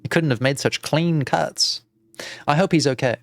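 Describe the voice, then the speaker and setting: A frightened little girl from a dark video game, pleading and bewildered, voiced by a man in a raised, childlike pitch. Her words come out lifted and urgent, as if on the verge of tears. She sounds small and desperate for answers. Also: normal speed, creaky, dry recording.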